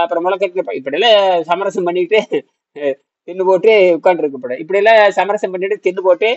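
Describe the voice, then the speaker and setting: A man's voice: sits high, dull audio. A man teaching a naturopathy group in an informal way, blunt and repetitive, often putting questions to his listeners.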